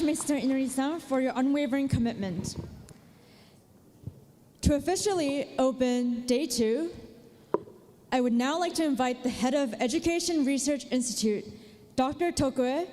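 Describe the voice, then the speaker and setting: A woman emcee announces speakers in a formal, brisk manner. Her voice is high but mellow in timbre. The sound carries a hall's long reverb over faint noise. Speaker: master of ceremonies. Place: large conference hall.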